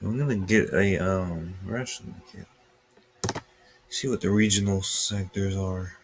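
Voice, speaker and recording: A man's voice: sits low, steady tone, normal speed, slightly rough. A man giving casual, unscripted weather commentary over a webcam from an upstairs room at home, talking through his screen as he goes. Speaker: weather livestreamer.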